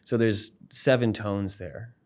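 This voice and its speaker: A man with a very low voice talks through ideas as a guest in a casual interview. He is thoughtful and circles back on himself, full of fillers and restarts. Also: slow, darkish tone. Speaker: psychology professor and musician, interview guest. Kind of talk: casual explanatory interview talk.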